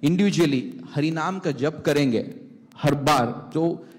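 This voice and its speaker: On a TV stage in a large hall with an audience, a middle-aged man, a temple vice-president appearing as a panel guest, gives a spiritual talk into a handheld mic. He halts often, restarts a lot and mixes in English words. His voice is a little high with a darkish tone, carried by long hall reverb.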